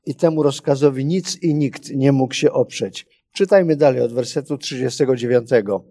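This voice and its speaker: A male preacher giving a sermon, reading scripture in a slow, measured way with pauses. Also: mid-range voice, dark tone.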